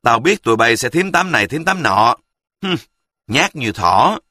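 A man's voice: medium pitch, big pitch swings, a little slow, sharp tone, dry recording, studio quality, full character voice. A man voicing a bold, scheming boy who leads his friends and mocks them in a cocky way. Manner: mocking, cocky.

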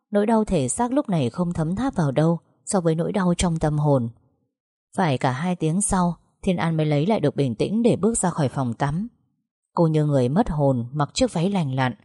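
A woman narrating a dramatic audiobook story in a steady, expressive way on a close mic. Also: deep voice, no echo.

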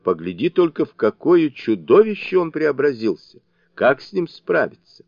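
A man's voice: fairly high pitch, big pitch swings, moderate pace, creaky, no echo, pitched above the performer's own voice, heavily acted. A man voicing a grumbling monkey king, a bold trickster, with a raised voice. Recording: dull lo-fi dry recording.

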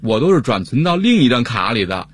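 Male co-host, husky tone, animated comic storyteller. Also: medium pitch, brisk. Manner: comic storytelling, acting out a neighbor's lines. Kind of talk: scripted comic banter.

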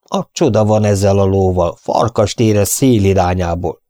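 A man voicing a gruff, evasive old cowboy in an audiobook. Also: sits low, warm tone, natural voice.

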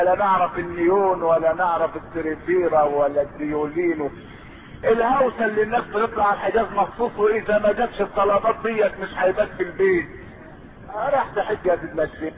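A man with an Egyptian accent preaching an impassioned sermon, stretching phrases in chanted emphasis and breaking into shouts. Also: high voice. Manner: fiery, drawn-out chanting emphasis with sudden shouts. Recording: tinny, hissy old cassette recording.

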